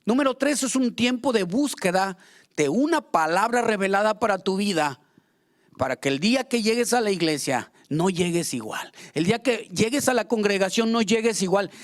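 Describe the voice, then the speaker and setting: A man's voice: sits high, lively intonation, normal speed. A man preaching a fervent sermon as pastor, acting out quoted prayers and complaints.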